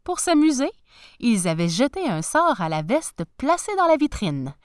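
A woman narrating a children's storybook with an expressive, animated reading voice. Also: sits high, moderate pace, no echo, clean studio sound.

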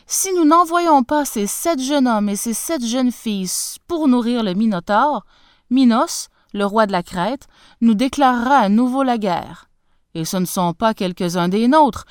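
A woman's voice: fairly high pitch, lively intonation, a little slow, smooth, dry recording, clean studio sound. A woman playing a grave old king. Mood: solemn.

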